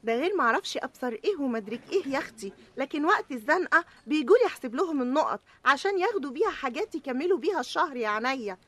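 A woman plays a sassy, streetwise ration card who scolds the others. Her voice sits high and moves quickly. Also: expressive, a bit bright. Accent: Egyptian.

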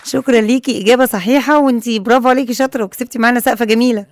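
A woman with an Egyptian Arabic accent hosting a radio show, brisk, playful and chatty. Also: on the high side, steady tone, crowd noise, noisy background. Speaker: radio host. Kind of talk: upbeat radio presenting. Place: radio studio.

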